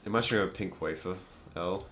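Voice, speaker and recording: A man's voice: deep voice, normal speed, very noisy. A young man hosting a casual chess stream, rambling and joking with stammered restarts. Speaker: tournament host.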